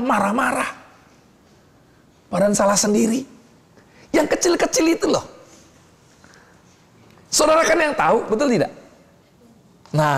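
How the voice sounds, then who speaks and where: Male preacher, lively teaching sermon, call-and-response questioning, slightly high voice, reverberant hall. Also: vocal fry. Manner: keeps asking the audience "betul tidak?" and pausing for answers; animated, swings between high exclamations and low asides. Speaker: preacher teaching a discipleship class.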